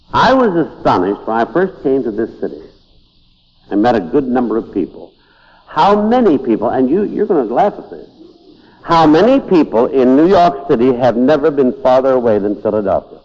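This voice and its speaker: A man's voice: medium pitch, sing-song, moderate pace, pauses often, a little mellow. A man giving an inspirational lecture to an audience in a hall, emphatic and driving home points by repeating words. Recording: dull lo-fi recording with long hall reverb.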